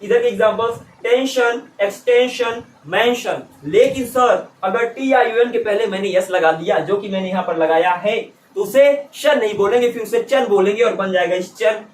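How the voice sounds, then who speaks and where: A male teacher walks through pronunciation rules, his high voice bright and animated as he repeats example words for the class to echo back. He is recorded from some distance, with the sound bouncing around an echoey room and a faint hum of ambience underneath. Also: moderate pace, few pauses. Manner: lively teacherly, repeats words for students to echo, chuckles to himself. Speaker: English teacher. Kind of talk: explaining pronunciation rules in a lesson.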